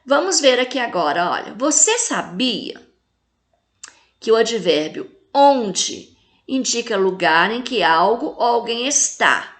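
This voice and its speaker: A woman teacher with a Brazilian accent giving a recorded lesson to children, slowly drawing out example words. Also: a little high, big pitch swings, a bit bright. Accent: Brazilian Portuguese. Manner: slow, drawn-out syllables when reading example words.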